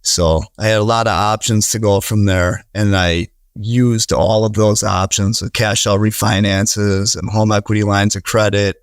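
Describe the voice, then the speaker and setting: With a lowish, fairly even voice at a moderate pace and few pauses, the Wisconsin real estate investor sounds smooth in a dry recording. He's a guest in his thirties on a conversational podcast, earnest but rambling, restarting and filling often.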